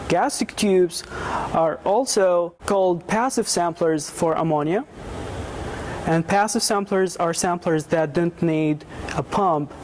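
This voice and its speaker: Young man, higher voice, grad student walking through his study, faint hum behind. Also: darkish tone. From Jordan. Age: young adult. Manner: measured, explanatory, some restarts. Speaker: graduate student researcher. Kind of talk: explaining his research to camera.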